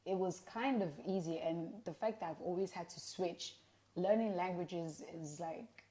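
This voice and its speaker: Mellow, low-voiced woman. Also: normal speed. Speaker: interview guest. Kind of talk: candid conversational interview.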